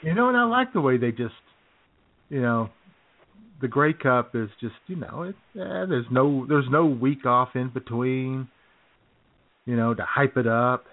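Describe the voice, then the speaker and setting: An American man from the United States co-hosts a talk show, trading casual banter in an easygoing way. His voice is mid-range and unhurried, and the audio sounds thin, like a phone line.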